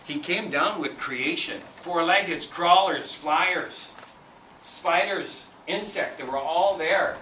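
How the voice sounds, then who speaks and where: A man's voice: on the high side, slow, slight background noise. A man, an author and storyteller, reading his picture book to a group of children in a school room, asking them questions as he goes. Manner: animated, talks to the children, asks questions. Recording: roomy, distant mic.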